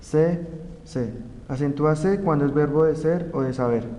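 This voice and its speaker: A young man from Colombia, a student reading a grammar lesson aloud in a slow, careful way. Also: a little high, dark tone. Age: young adult. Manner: slow, careful reading of rules and example words. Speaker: student presenter. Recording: roomy reverb, faint background noise.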